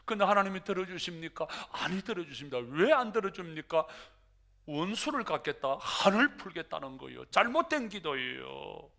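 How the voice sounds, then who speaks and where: A male pastor preaching a sermon in an animated way, acting out prayers and dialogue as he goes. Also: high-pitched, a little fast, creaky.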